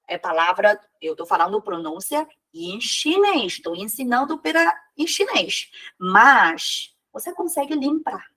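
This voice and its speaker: A woman's voice: mid-range voice, fairly bright tone. A woman whose first language is Mandarin Chinese, teaching in non-native Portuguese during an online talk, encouraging listeners and tagging her sentences with questions. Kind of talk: online lecture.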